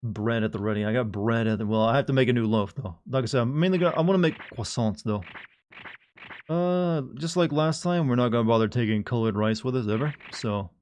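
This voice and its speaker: A man with a mid-pitched voice gives casual commentary as he streams a game. He rambles wryly, with faint noise and clicks behind his voice. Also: fairly quick, darkish tone.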